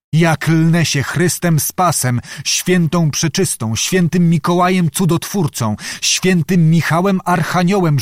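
Male reader as a panicked Cossack pleading, raised and shrill, storybook. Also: no room sound, studio quality. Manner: shrill, loud, desperate pleading. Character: terrified male Cossack officer begging for life.

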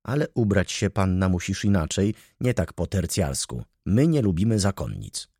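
A man puts on a self-important male servant who orders everyone about. The voice sits low and husky, with a lively, rising and falling delivery. The recording is close and dry. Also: normal speed, dry recording, exaggerated voice. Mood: haughty. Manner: haughty, condescending, commanding. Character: pompous, bossy male valet, self-important.

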